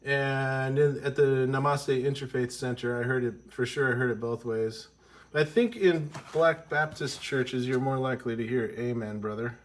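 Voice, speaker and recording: A man's voice: mid-range voice, fairly even intonation, normal speed. A man teaching a casual music lesson with a congested, stuffy voice, rambling and correcting himself as he goes. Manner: rambling, self-correcting, with frequent ums. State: congested from a cold.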